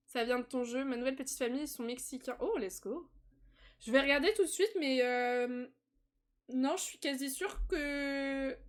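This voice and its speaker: Live-streaming a life-simulation game, a young woman keeps the commentary casual and chatty, with plenty of laughter and excited squeals. Her voice is on the high side.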